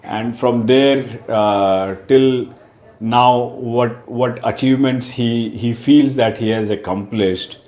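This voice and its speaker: A man with an Indian English accent hosting a conversational interview in a halting way, often repeating phrases. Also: medium pitch, darkish tone. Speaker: podcast host. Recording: roomy, echoing voice.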